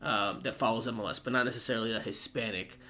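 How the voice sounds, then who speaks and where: A man's voice: on the low side, steady tone, quick pace, sharp tone. A man hosting a sports podcast in a chatty way, talking with a swollen cheek after having wisdom teeth out. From Peruvian American. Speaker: podcast host.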